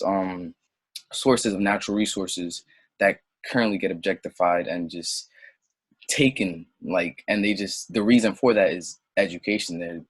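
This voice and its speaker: A young man who grew up in Senegal and speaks French natively talks as a guest in a casual interview, his low, husky voice captured in a dry recording. He rambles and second-guesses himself before wandering off into passionate tangents.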